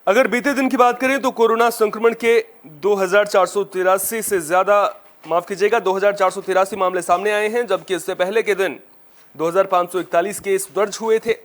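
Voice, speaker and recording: Fairly quick and a bit bright, a male newsreader with a notably high voice reads scripted copy. He keeps his intonation fairly even and his delivery formal and presentational, like a television broadcast.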